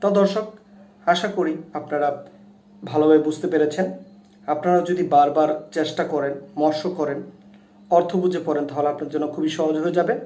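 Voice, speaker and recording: Man, high mellow voice, patient tutor addressing viewers and chanting verses drawn out, roomy echo. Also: steady tone, a little fast, pauses often. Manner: addresses viewers directly and repeatedly. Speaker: Quran recitation teacher. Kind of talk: tutorial on Quran pronunciation and tajweed.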